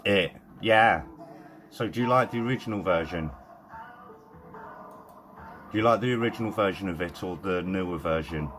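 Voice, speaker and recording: Brief: British man, live-stream host, chatty and excitable, casual swearing, faint music behind. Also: sits low, normal speed, pauses often.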